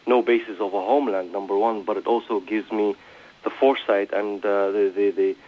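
Earnest Palestinian man, low voice. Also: steady tone, a little fast, phone-quality sound. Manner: earnest, passionate, many restarts. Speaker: guest, event organiser. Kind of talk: radio interview.

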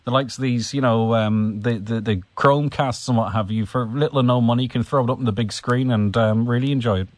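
A man's voice: mid-range voice, fairly quick, hardly any pauses, dry recording. A man presenting and interviewing on local radio.

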